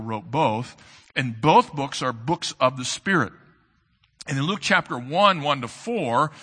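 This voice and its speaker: A male pastor preaching a sermon, earnest and emphatic, with pauses that build to stressed points. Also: mid-range voice, sharp tone. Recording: long reverb of a large hall.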